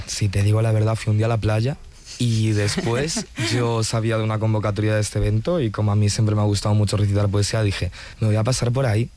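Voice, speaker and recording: Guy with a low warm voice, studio guest, enthusiastic storytelling. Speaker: poet, guest. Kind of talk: radio interview. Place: radio studio.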